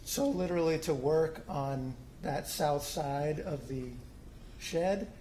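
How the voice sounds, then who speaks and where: Here a middle-aged homeowner takes it slowly, his fairly high voice carrying a dark tone over slight background noise. It's an informal presentation at a public meeting in a city hall room, where he pitches his own plans to the commission with many ums and restarts.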